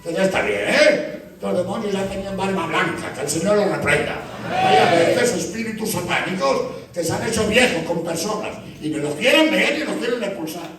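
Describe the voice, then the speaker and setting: A man's voice: sits high, animated, moderate pace, background noise. A man preaching a sermon as pastor, telling stories and acting out dialogue with churchgoers. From Spain. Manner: storytelling, acts out dialogue with church members. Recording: echoey church hall from far off.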